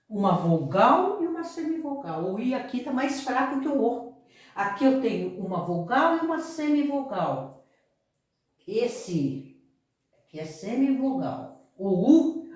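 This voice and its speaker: A Brazilian woman teaching a grammar lesson, explaining slowly, repeating herself and often checking that the class follows. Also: mid-range voice, a little mellow. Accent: Brazilian Portuguese. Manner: explains slowly with frequent check-ins and repetition. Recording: echoey room, voice far from mic.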